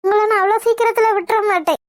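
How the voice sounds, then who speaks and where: A woman's voice: very high voice, steady tone, racing, dry recording, studio quality. A woman voicing a young, devoted wife in a cartoon, affectionate, pleading and playfully scolding. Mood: tender. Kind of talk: cartoon voice acting.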